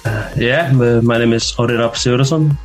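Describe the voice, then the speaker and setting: A man's voice: mid-range voice, fairly quick, soft background music, poor audio. A man from Iceland, a sports commentator, chatting frankly and a bit hesitantly as a podcast guest. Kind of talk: casual podcast chat.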